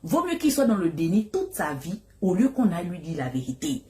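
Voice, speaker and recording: A woman's voice: fairly low pitch, brisk, a little hiss or hum. A young woman, casually telling a family story to her viewers with dramatic exclamations. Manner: animated, dramatic retelling with exclamations.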